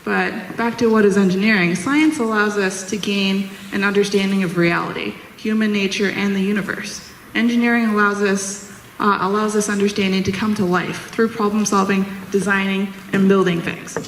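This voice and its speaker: A woman's voice: mid-range voice, steady tone, moderate pace. A woman in her thirties from the United States gives an informal, upbeat talk to students as a guest engineer, speaking casually. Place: large room or hall, talk to an audience. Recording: roomy echoing hall, faint background noise.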